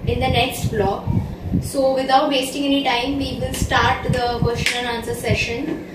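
A young woman from India chats through a casual question-and-answer session, talking with her hands as she goes. Her voice sits a little high. It is picked up from a distance in an echoey room, with loud hiss running underneath. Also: little pitch movement, moderate pace. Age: 20s. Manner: chatty, gestures with both hands. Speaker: vlogger. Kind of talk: casual Q&A chat. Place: bedroom, indoors. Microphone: far camera.

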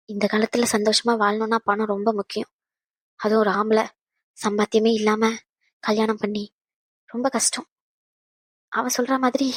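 A woman voicing a soft-hearted, middle-aged mother of the bride in a cartoon drama, who speaks in a soothing, pleading way. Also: on the high side, breathy edge, dry recording, clean studio sound. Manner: soothing, then tearful and pleading.

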